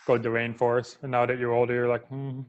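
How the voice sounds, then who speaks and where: A man from Michigan chatting as a podcast guest, relaxed and full of "like" fillers. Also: mid-range voice, rapid-fire, lo-fi sound. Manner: relaxed, filler-heavy, lots of "like". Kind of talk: casual interview chat.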